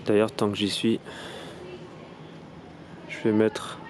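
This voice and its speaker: A man from France with a French accent, vlogging a paranormal investigation outdoors in a cemetery, recorded on a phone. He talks in a rambling way, often correcting himself, and slows down and turns polite when he calls out to spirits. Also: fairly low pitch, flat delivery, a little mellow, slight background noise. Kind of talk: casual vlog.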